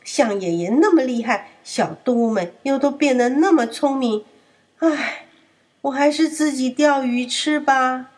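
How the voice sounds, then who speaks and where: A woman's voice: sits high, expressive, moderate pace, few pauses, pitched above the performer's own voice. A woman voicing a sly, greedy male wolf in a children's story, with a wheedling, gloating manner. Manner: wheedling, fake-surprised, gloating.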